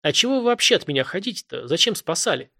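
A man voices a young working man in a storybook. He answers quickly and wryly, in a slightly raised voice. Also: a little high, big pitch swings, vocal fry, pushed and bright, voice pushed up, heavily acted. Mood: wary. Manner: quick, wry replies hiding fear.

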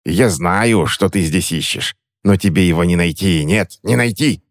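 A man's voice: on the low side, very animated, moderate pace, dry recording, pitched above the performer's own voice. Spiteful cackling-edged old crone, put on by a male narrator, raised voice, snappish, dry close audiobook sound. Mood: menacing. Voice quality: sharp, snapping, mocking. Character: spiteful threatening old woman, suspicious and cranky.

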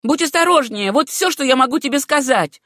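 Woman reading as an edgy jealous young woman, curt and snapping, lively pitch, dry sound. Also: normal speed, dry recording. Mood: angry. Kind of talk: audiobook reading.

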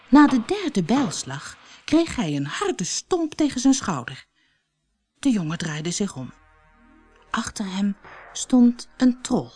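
A woman narrating a fairy tale for an audiobook in a slow, expressive reading style. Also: mid-range voice. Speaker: storyteller.

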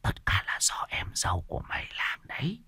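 A man's voice: brisk, pushed and bright, no echo. A man voicing a vengeful, scheming old village woman who hisses and drops into whispers in an audio storybook. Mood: cold, whispering. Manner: bitter, hissing, swings into whispers.

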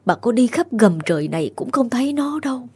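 A frightened young cook speaks in a trembling, hushed voice, as a woman acts her out. Her tone is breathy and kind in this ghost-story reading. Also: on the high side, sing-song, a little fast, exaggerated voice. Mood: grieving.

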